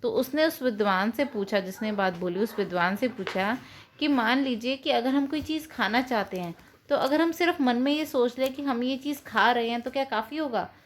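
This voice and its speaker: A woman's voice: a little high, moderate pace, slight background noise. A woman, teaching children by retelling a story and explaining it in simple words.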